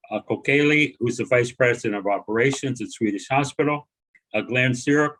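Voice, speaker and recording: A man's voice: medium pitch, poor audio. A man presenting as attorney for an applicant on a video call, polite, with frequent fillers. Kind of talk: formal presentation.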